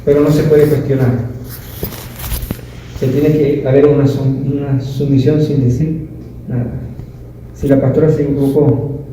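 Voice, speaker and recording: A man in his thirties, a participant in a leadership class, gives a personal testimony to the class, telling his story emphatically and often correcting himself mid-sentence. His mid-range, dark-toned voice is flat and a little slow, with long pauses. The room is very echoey, the mic is distant, and there is a little hiss or hum.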